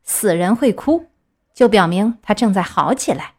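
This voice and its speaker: A woman's voice: medium pitch, lively intonation, a little slow, husky. A solemn, grave crow doctor, voiced by a woman, storybook style.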